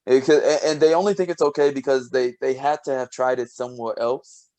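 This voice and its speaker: A man co-hosting a casual podcast, telling stories with lots of laughter and restarts, and dropping low and quiet when he quotes himself. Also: fairly even intonation, brisk. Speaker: podcast co-host, scientist. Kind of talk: casual storytelling chat.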